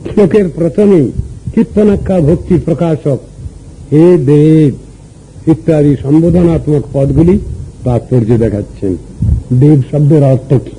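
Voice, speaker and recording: An older man delivers a devotional sermon, posing questions to his listeners and chanting Sanskrit verses between explanations. His voice sits a little high yet sounds very dark and mellow. A faint hum runs under the recording. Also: rough recording. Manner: measured, teaching with rhetorical questions and recited verses. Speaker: Vaishnava guru giving a discourse.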